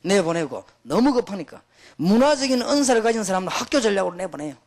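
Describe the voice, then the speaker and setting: A man's voice: high-pitched, very animated, quick pace. A middle-aged man, preaching to pastors in an emphatic, storytelling way. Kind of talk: sermon to pastors.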